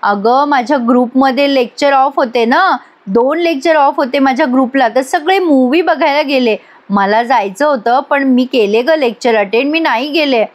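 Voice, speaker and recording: Woman voicing teenage girl, defensive, quick excuses, high voice. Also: natural voice. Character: fibbing teenage college girl.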